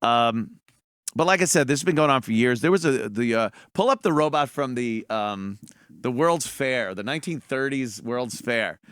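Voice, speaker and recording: A man's voice: mid-range voice, expressive, normal speed, fairly bright tone, clean tone, no echo, clean studio sound. A man hosting a show, rambling with sarcastic asides. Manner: rambling, sarcastic, frequent fillers. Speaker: show host. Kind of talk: casual commentary.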